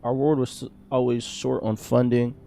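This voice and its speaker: A man's voice: mid-range voice, flat delivery, measured pace, vocal fry, mellow. Man doing a creepily polite wandering surgeon.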